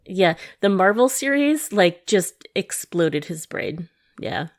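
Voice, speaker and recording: A woman co-hosting a relaxed podcast conversation. She is chatty and agreeable and often chimes in with quick yeses. Her sentences ramble and restart the way people do in casual talk. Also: lowish voice. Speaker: podcast co-host. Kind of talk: casual chat.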